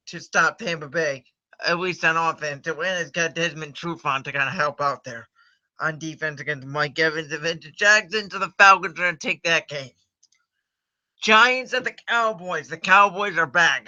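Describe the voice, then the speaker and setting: A high-pitched man with a very bright, forceful voice talks through sports predictions in a relaxed, confident way, dropping "man" often. He sounds like a casual livestream host. The audio is muffled and lo-fi, like a cheap home computer mic. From Cleveland, United States. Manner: chatty, confident, says "man" a lot.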